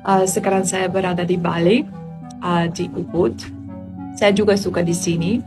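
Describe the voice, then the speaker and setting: A woman's voice: fairly low pitch, level tone, normal speed, music in the background. A young woman from Poland with a Polish accent, speaking as a foreigner in a learned language with some hesitation, in a casual vlog. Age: young adult. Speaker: vlogger, master's student.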